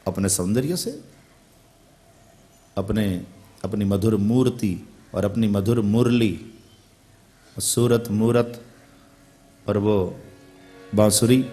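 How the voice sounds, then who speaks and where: A man's voice: fairly low pitch, slow, long pauses, dark tone, faint music behind. A middle-aged male preacher giving a devotional sermon in a conversational way, often turning to the listeners with questions. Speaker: spiritual preacher.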